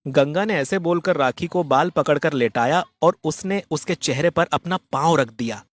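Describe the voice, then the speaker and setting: A man narrating a dramatized moral story in a steady, plain storytelling manner. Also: on the high side, normal speed, no echo.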